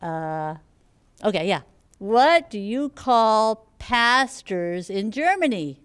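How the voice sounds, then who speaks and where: A woman's voice: mid-range voice, very animated, takes it slowly, a bit bright, clear, resonant tone. A woman telling jokes in a church children's message, playful and giggly. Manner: playful, giggly joke teller. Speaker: joke teller in a church skit.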